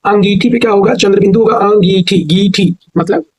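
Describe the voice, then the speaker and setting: On a rough recording, a man with a North Indian Hindi accent gives a grammar lesson aimed at exam preparation. He asks questions, supplies the answers himself, and spells words slowly syllable by syllable in a high-pitched, somewhat mellow voice.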